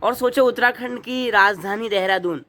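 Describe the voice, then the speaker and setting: A young man from Uttarakhand vlogs his opinion in a fairly high voice. He talks in an earnest, indignant tone and keeps throwing rhetorical questions at his viewers. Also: normal speed, pushed and bright. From Uttarakhand, India. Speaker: vlogger. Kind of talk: opinion commentary to camera.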